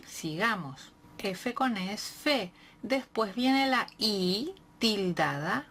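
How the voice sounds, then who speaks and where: Woman reading tutor: drawn-out syllables, very unhurried, encouraging, light noise under the voice. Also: mid-range voice, fairly bright tone. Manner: slow, clearly spelled syllables with patient encouragement. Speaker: reading teacher. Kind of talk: slow syllable-by-syllable reading lesson.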